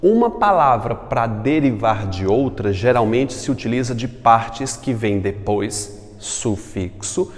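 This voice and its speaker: A man from Brazil, a Portuguese teacher, giving a recorded class, lively, asking and answering his own questions. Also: medium pitch, slow, few pauses, in a large hall.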